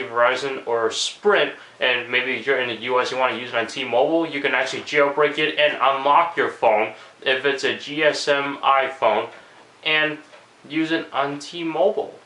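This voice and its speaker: A man's voice: mid-range voice, sharp tone, roomy sound, low-quality recording. A man with a cold and a cracking voice, rambling casually through a video commentary with lots of fillers. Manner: rambling, many fillers and restarts. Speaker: tech vlogger.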